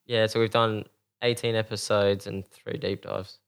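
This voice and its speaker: A man co-hosting a podcast, speaking in a fairly low, smooth and clean voice. He stays laid-back and often answers with short, dry remarks. His talk is casual throughout. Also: level tone, normal speed. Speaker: podcast co-host. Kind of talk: casual chat.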